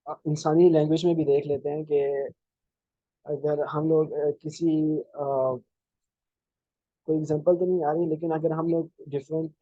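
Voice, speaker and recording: A man giving a programming lecture, explaining slowly with many fillers and restarts, over a video call. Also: on the high side, warm tone, no room sound, highs cut off. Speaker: programming instructor. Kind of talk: live online lecture.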